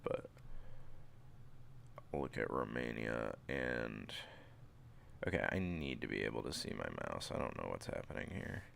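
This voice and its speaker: Streaming live from a small room at home, this St. Louis-area man in his thirties works out a tabletop game world aloud while sniffling through a cold. His very deep voice is animated, somewhat slow, and a bit bright, with vocal fry and frequent pauses as he rambles and interrupts himself. He's picked up by a front desk mic and webcam, with a little hiss or hum.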